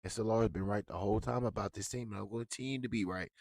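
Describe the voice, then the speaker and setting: A man's voice: lowish voice, steady tone, racing, vocal fry, darkish tone, dry recording. A man giving a blunt, profane, heated rant as a sports commentator. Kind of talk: ranting sports talk.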